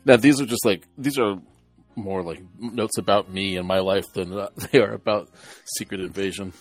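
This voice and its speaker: A man's voice: fairly low pitch, steady tone, moderate pace, soft background music. An older man co-hosting a podcast, telling a rambling, self-deprecating story in casual chat. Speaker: podcast co-host.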